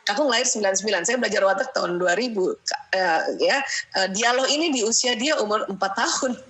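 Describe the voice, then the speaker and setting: A middle-aged woman speaking at a parenting seminar, lively and laughing often, dropping "ya" between her sentences. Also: mid-range voice, fast talker, low-quality recording. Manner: peppers sentences with "ya". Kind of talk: seminar talk to an audience.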